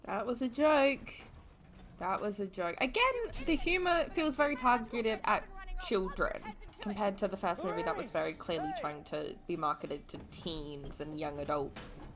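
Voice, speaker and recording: A woman's voice: fairly low pitch, normal speed, poor audio. A young Australian woman giving chatty movie reaction commentary, exclaiming at the screen and laughing often. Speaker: YouTube vlogger. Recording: film audio and music behind.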